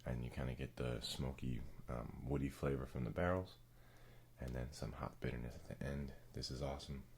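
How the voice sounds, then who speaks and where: An ASMR video creator and host, this man has an exceptionally deep, hushed voice full of gravelly creak and a steady tone. He rambles softly in casual chat, laid-back, halting, slangy and profane. A hiss ranging from faint to clear sits behind him.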